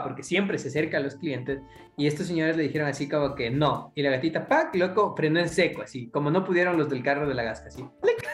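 A man's voice: high voice, echoey room. A young man with an Ecuadorian accent co-hosting a podcast, rambling in slang-heavy casual chat and laughing often. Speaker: podcast co-host.

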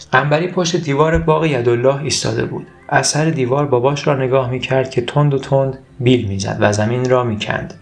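A male storyteller with a gravelly, creaky voice at an ordinary middle pitch reads a story calmly. Faint music plays softly beneath his narration. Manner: calm storybook reading. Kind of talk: scripted narration.

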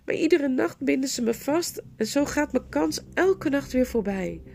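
Bound knight, desperate and pleading, woman narrator doing the voice, loud, high, wide-ranging. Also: animated, normal speed, vocal fry, a little hiss or hum. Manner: pleading, rising to frantic shouts. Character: desperate enchanted young male knight, pleading.

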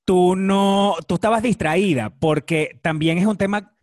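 A man's voice: high-pitched, measured pace, a little mellow, dry recording, clean studio sound. A young man with a Venezuelan accent, co-hosting a casual chat with joking, teasing banter. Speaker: co-host.

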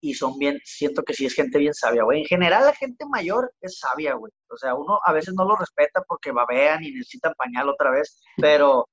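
Very animated and a little high, he barely pauses as he rushes through a rambling, slang-heavy podcast story, saying "güey" in every sentence with his Mexican accent. His tone is fairly bright with a breathy edge, and the remote call connection cuts off the highs.

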